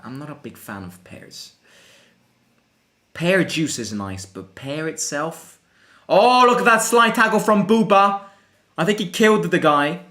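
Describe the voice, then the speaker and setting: With a voice on the high side, a young Italian fan-channel host chats casually through a live football watchalong. He fields viewer questions and erupts with excitement at key moments of play.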